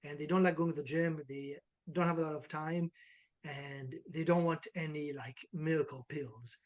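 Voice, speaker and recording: A slightly high male voice at a moderate pace: an Israeli fitness coach in his twenties, working online, giving an easygoing, energetic interview peppered with "like" and "right."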